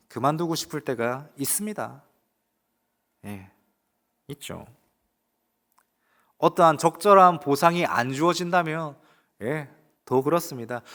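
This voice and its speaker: A man pastor delivering a sermon, swinging between loud rising exclamations and hushed asides, putting rhetorical questions to the congregation. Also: a little high, clean tone. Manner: emphatic preaching with rising exclamations and quiet asides.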